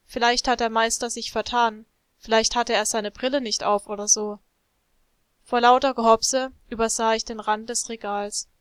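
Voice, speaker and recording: A woman's voice: fairly high pitch, steady tone, moderate pace, clean tone, no room sound. A woman narrating a first-person story as a clay jug, reading expressively.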